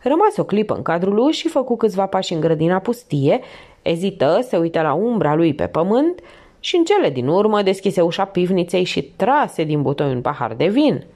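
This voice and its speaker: A woman narrating an audiobook with a low-set voice. Her intonation rises and falls dramatically, and the telling is expressive and storylike. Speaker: audiobook reader.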